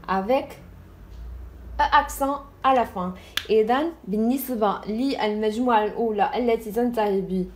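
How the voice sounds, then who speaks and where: A young woman teaching French grammar, slowly spelling out French words between her Arabic explanations. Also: a little high, darkish tone. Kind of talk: grammar lesson.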